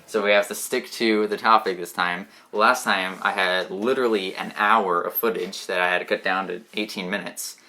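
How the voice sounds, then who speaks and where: A man's voice: deep voice, fairly even intonation, normal speed, hardly any pauses, sharp tone. A man co-hosting a casual chat show, joking and rambling as he teases his co-host.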